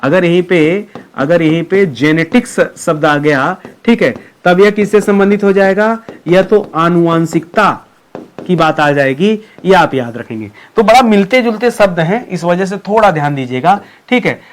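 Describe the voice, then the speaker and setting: A man's voice: sits high, expressive, moderate pace. A man teaching an exam-prep lecture, repeating key terms and asking his students questions as he goes. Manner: repetitive, drills terms, asks students questions.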